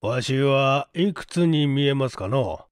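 An actor playing a shrewd, shabby 97-year-old man who talks in slow, folksy old-man speech in an audiobook drama. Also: mid-range voice, animated, smooth, no room sound, studio quality, natural voice. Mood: boastful.

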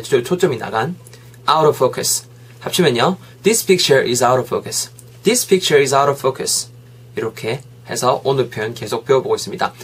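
A man teaching English phrases in a lively way, saying each sentence slowly for learners to repeat. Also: mid-range voice, breathy edge. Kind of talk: English lesson.

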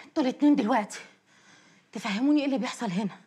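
A woman's voice: fairly high pitch, racing, noisy background, lightly acted. A woman playing an alarmed young wife. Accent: Egyptian Arabic. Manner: alarmed, demanding answers. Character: worried young wife and mother. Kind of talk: film drama acting.

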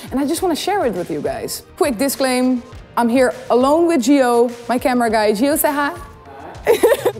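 This cheerful young Dutch vlogger, a YouTube singer and host, talks casually to camera with a Dutch accent and a voice on the high side. Bubbly and giggly, she tells animated stories in a small studio with a blue backdrop; her desk condenser mic captures roomy sound over a soft music bed.

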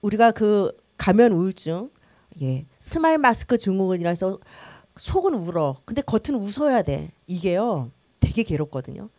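A middle-aged woman pastor teaching a church class for new members in a lively, conversational way, acting out the quotes she tells. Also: mid-range voice, normal speed, no echo. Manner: conversational, animated, acts out quotes.

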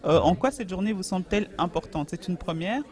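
A woman interviewer asking polite, clearly phrased questions at an event, speaking into a handheld mic in a large indoor hall. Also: on the low side, expressive, a little fast, a little mellow.

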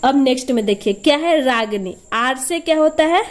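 A woman's voice: high-pitched, animated, normal speed. A woman teaching a spelling lesson step by step, patiently repeating each sound and answering her own questions.

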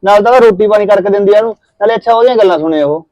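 A man plays a young husband arguing his wife's side to his mother. His voice sits high and the words come fast and insistent. The sound is close and dry. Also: a little mellow, no echo, lo-fi sound, lightly acted. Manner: insistent, persuasive. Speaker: son. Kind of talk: Punjabi short film acting.

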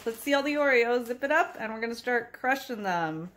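A woman's voice: a little high, expressive, a little fast, fairly bright tone. A woman filming and narrating a home cooking video in a kitchen, giving encouraging step-by-step guidance and praise. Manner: encouraging, repeats praise between steps.

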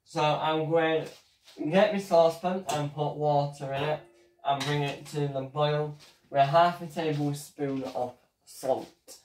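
A young man hosting a casual home cooking vlog, chatty and halting as he talks while cooking in a small kitchen. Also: a little high, steady tone, darkish tone, slight background noise. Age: young adult. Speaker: home cooking show host. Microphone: fixed camera across the room. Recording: echoey kitchen, voice from far off.

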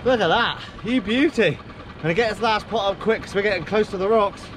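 A man's voice: sits high, fast talker. A man, perhaps in his thirties, giving casual, exclamatory vlog commentary while working on a small open fishing boat. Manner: exclamatory, talks while hauling gear. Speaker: small-boat crab and lobster fisherman. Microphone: camera mounted in the boat, few metres away. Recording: loud engine and outdoor boat noise.

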